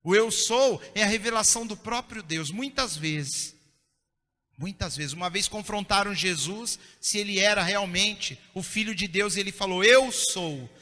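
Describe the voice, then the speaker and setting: A man preaching a sermon as pastor, impassioned and often dropping to soft, intense tones. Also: high-pitched, unhurried. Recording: long reverb of a church hall.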